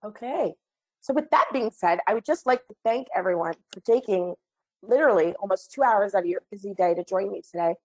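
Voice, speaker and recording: Speaking into her computer mic with a cold-roughened voice, a female trainer brings an online webinar to a close. Her pitch is medium and a touch mellow, her delivery expressive and slightly quick, full of friendly chatter and apologies, though the audio quality is poor.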